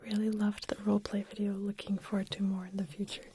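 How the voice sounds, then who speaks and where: A woman whispers through a live ASMR stream, reading viewers' questions aloud and answering them with a relaxed, chatty looseness. Her hushed voice is mellow and close on a mic fitted with wind guards, and a faint noise floor sits underneath. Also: mid-range voice, fast talker. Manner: chatty with frequent fillers and restarts. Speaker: ASMR channel host answering live chat. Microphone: ASMR microphone with wind guards.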